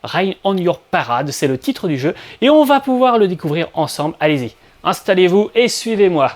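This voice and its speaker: A man hosts a video game show, delivering playful, chatty gameplay commentary as a voice-over and speaking directly to his viewers. His voice is high-pitched, very animated and fairly quick, with soft game music underneath.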